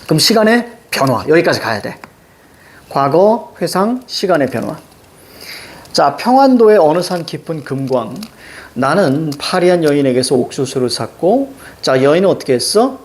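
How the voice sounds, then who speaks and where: A man teaching a class, his fairly high voice swinging widely in pitch as he explains. He keeps checking in with quick questions. He speaks to the room as a lecturer would. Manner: lively, questioning, tags checks like "그치?". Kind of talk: classroom lecture on Korean poetry. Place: classroom with a blackboard.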